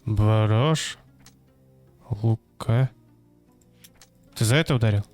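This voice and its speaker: Playing a detective game, this young man jokes casually and thinks out loud, mumbling and cracking wise as a streamer giving relaxed let's-play commentary. His voice sits lowish and a little mellow, and he draws out his words. Soft music plays in the background.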